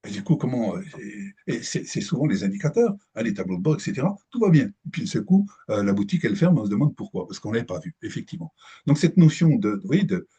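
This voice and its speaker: A man's voice: on the low side, sing-song, fast talker, dark tone, slightly rough. A middle-aged man giving a live management presentation to an audience, hesitant with many restarts. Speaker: speaker at a business breakfast talk.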